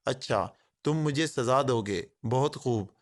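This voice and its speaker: A man's voice: medium pitch, natural voice. A man voicing an arrogant, short male gang boss who talks in a harsh, sarcastic way. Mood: sneering.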